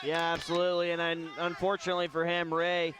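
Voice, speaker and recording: A man giving color commentary in a high voice, calmly explaining the fighters' choices. The arena feed is noisy behind him. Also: fast talker.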